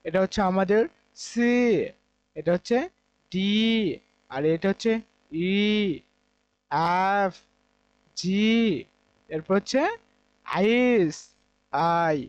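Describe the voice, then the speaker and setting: A man's voice: sits high, drawn-out words, pauses often, clean tone, no room sound. A man from Bangladesh, teaching English grammar in a classroom-style lesson, explaining step by step and repeating key points.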